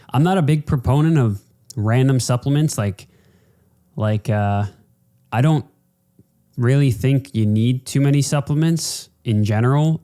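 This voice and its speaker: A man's voice: on the low side, dark tone, clear, resonant tone. A man hosting a casual solo podcast, talking in an informal, rambling, sweary way. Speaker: podcast host.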